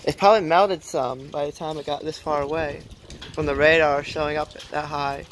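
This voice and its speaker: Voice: mid-range voice, steady tone, normal speed. Someone giving casual, exclaiming commentary on a hailstorm while filming on a handheld phone outdoors. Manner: exclaiming, repetitive. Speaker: amateur camera operator. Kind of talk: amateur storm video, casual excited commentary. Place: outdoors on a farm porch in a hailstorm. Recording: noisy phone video, loud storm ambience. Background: hail and rain noise.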